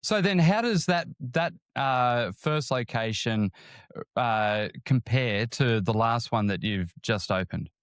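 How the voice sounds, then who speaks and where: A man's voice: medium pitch, expressive, slow, clear, resonant tone, dry recording. Male interviewer, dry close sound. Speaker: interviewer, host. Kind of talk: interview questions.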